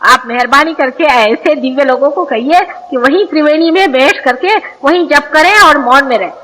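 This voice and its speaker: Woman, spiritual discourse, high bright voice, lively storytelling, long hall reverb. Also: moderate pace, slight background noise. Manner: lively storytelling, gently mocking. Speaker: spiritual teacher.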